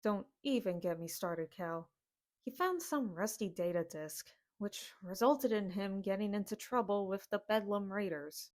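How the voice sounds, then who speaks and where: A woman's voice: medium pitch, unhurried, close to an everyday voice. Field: fan audio drama. Figure: a woman voicing a fussy fatherly alien saloon owner. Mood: scolding. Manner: scolding, protective, calls others kid.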